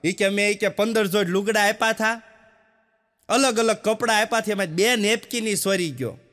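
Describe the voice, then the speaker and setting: High-voiced stand-up comedian man. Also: moderate pace, a bit bright. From Gujarat, India. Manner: storytelling, acting out villagers and family members in quoted voices. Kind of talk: Gujarati stand-up joke telling. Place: stage show with a live audience. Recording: long hall reverb.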